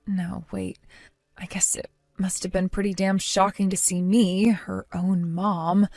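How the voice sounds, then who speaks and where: A woman's voice: mid-range voice, no room sound, lightly acted. An actress playing a guilt-ridden mother who blames herself, with a self-reproaching, pleading delivery, in a dry close recording.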